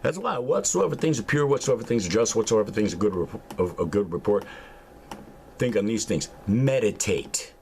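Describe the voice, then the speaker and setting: An older man delivering an angry, profane, preachy rant to camera, mocking his listeners and breaking into high shouts. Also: expressive, fairly quick, a little hiss or hum. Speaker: vlogger. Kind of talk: angry ranting monologue.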